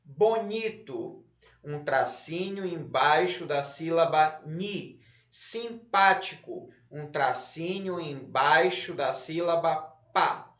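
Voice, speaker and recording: A man from Brazil with a northern Brazilian Portuguese accent, a teacher giving a recorded class and sounding words out slowly and patiently. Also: a little high, fairly bright tone, roomy sound. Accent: Brazilian Portuguese, northern (Pará). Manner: slow, patient, stresses words syllable by syllable. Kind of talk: recorded remote class lesson.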